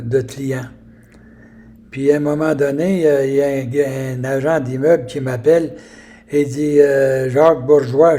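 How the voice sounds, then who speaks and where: A man in his eighties with a Québécois accent, telling stories from his life in a rambling, halting way full of fillers and restarts. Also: medium pitch, warm tone. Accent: Québécois French. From Quebec. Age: 80s. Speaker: storyteller recounting his life. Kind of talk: casual life storytelling.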